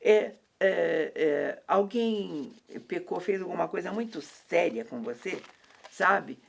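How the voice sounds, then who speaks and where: Uma mulher brasileira fala de fé num bate-papo informal. Tem uma voz rouca e áspera. Conta histórias bíblicas com calma, enchendo as frases de "né" e "sabe". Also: female voice, on the low side, slow pace, gravelly. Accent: Brazilian Portuguese. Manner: preachy storytelling, many fillers and tag questions. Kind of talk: casual faith chat.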